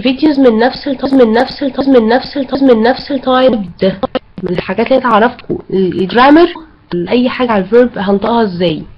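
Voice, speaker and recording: Fast-talking Egyptian woman teacher. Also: fairly high pitch, lo-fi sound, a little hiss or hum. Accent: Egyptian Arabic. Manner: chatty, self-correcting, apologetic asides. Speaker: English teacher. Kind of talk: casual online class explanation.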